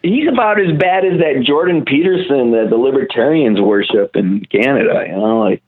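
A man chatting casually, answering in a measured, hedging way. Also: medium pitch, expressive, breathy edge. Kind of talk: casual chat. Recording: tinny phone-like line.

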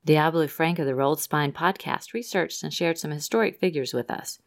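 Low, gravelly-voiced woman podcast host. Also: normal speed. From Rhode Island, USA. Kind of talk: reading listener mail.

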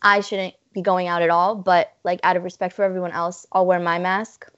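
A woman's voice: lowish voice, little pitch movement, fairly quick, a bit bright, clean tone. Young woman chatting as a guest, says like a lot, kinda muffled. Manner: chatty, giggly, lots of "like". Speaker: guest, veterinary student. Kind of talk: casual interview chat.

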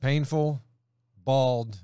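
A man from Honduras hosts a casual Bible talk show, laughing easily between points and reading scripture aloud. His voice sits at an ordinary pitch, recorded dry and close. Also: steady tone, extremely slow, mellow, clear, resonant tone, no room sound. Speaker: host.

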